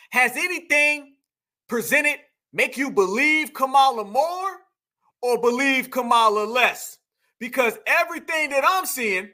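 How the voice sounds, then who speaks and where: A man's voice: very high voice, pushed and bright. A man delivering emphatic political commentary, preaching to his viewers and calling them family. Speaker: commentary vlogger.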